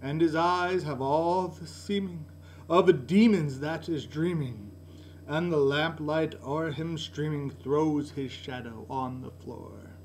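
In an indoor room by a curtained window, a middle-aged library director gives a dramatic, theatrical reading of a gothic poem. His slightly high voice moves slowly, swinging from hushed murmurs to loud cries, and the noisy recording carries a steady hum.

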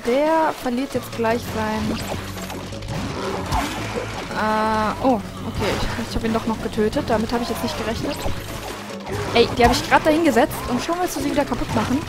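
A woman's voice: a little high, moderate pace, pauses often. A woman giving casual gaming commentary, chatting and thinking aloud as a let's play host. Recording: game music behind the voice. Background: video game music and effects.

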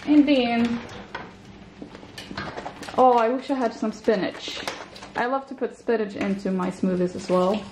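Young woman, twenties, raspy morning voice, casual kitchen vlog, chatty, faint background noise. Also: on the high side, unhurried, pauses often. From Sweden. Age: 20s. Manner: chatty and upbeat, talking while cooking. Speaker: vlogger. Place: home kitchen.

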